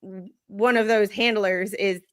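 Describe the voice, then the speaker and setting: A woman's voice: medium pitch, steady tone, unhurried, smooth. A woman chatting on a casual livestream, blunt and plain-spoken, laughing between remarks.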